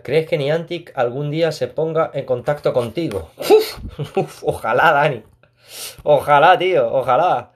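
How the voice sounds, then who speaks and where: A man with a mid-range voice streams a mobile game from a room in his home and keeps the talk casual. He laughs frequently, reads the chat aloud, and is warm with his viewers.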